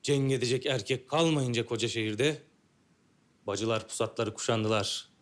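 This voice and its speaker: An actor playing a courteous young dervish in a historical drama, speaking in formal, old-fashioned phrases. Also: male voice, mid-range voice, normal speed, lightly acted. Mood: courteous, instructive.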